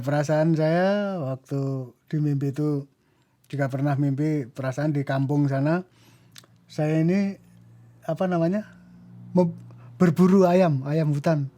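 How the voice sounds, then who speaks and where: A man's voice: on the high side, dark tone. A man talking as a guest, thoughtfully recounting a personal story and acting out bits of dialogue. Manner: reflective, mixing in English phrases, acting out dialogue.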